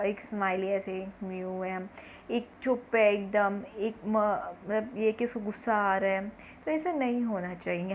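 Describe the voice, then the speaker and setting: A woman cosmetology instructor giving a classroom-style lesson. She reads English definitions slowly, then explains them patiently in everyday talk and repeats her points. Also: medium pitch, slight background noise, rough recording.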